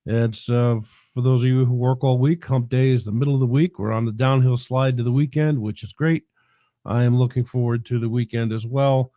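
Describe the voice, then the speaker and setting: Mellow-voiced New man chatting live. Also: medium pitch, steady tone, fairly quick, dry recording. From New York. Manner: rambling, folksy, many fillers. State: tail end of a head cold. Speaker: host of a live broadcast. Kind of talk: casual livestream talk. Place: his home in the South.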